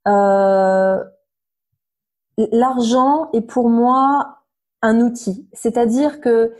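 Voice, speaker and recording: A nutrition therapist in her thirties is the guest in a casual conversational interview. Her fairly high voice is slightly hoarse but mellow and warm, and she speaks frankly and animatedly with lots of small fillers and restarts.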